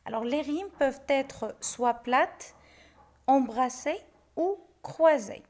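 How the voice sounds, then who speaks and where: A woman's voice: high voice, lively intonation, darkish tone. A young woman teaching a French lesson, explaining step by step and sounding out verse syllable by syllable. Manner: slow, syllable-by-syllable scansion of verse.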